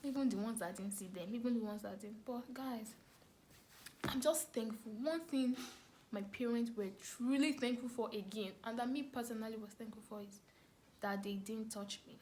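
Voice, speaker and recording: A young adult woman with a Nigerian accent, a vlogger and storyteller, has a voice on the high side with a dark tone, speaking at normal speed over slight background noise. She relates a personal story to camera casually and expressively, repeating phrases for emphasis.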